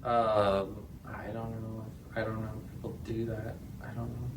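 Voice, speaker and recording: A man's voice: lowish voice, little pitch movement, measured pace, background noise. A young man in his twenties co-hosting a podcast, chatting casually in a hesitant, rambling and jokey way. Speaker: podcast co-host. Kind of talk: casual chat.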